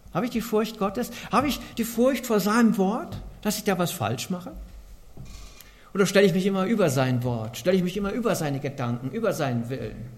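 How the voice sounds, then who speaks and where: Earnest German-speaking male preacher. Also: a little high. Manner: earnest, asks rhetorical questions, varies loudness a lot. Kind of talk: sermon.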